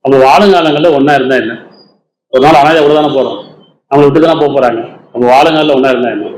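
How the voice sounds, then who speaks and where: A man's voice: mid-range voice, fast, darkish tone. Man preaching in an echoey room. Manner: rhetorical questions to listeners. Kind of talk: Islamic sermon in Tamil. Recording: echoey room with faint ambience.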